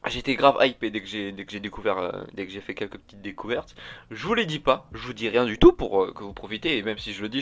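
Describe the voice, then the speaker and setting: Excitable young man rambling. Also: mid-range voice. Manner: rambling, excitable, swears often. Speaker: YouTuber. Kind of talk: unscripted casual vlog talk.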